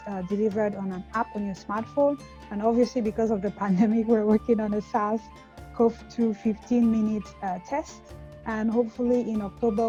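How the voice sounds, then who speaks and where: A woman from Cameroon with a warm, mellow voice, laying out her career in an orderly, fluent way. The sound is dull and muffled, with faint music beneath. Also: medium pitch. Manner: fluent, orderly résumé telling. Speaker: panelist, scientific advisor. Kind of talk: online panel introduction.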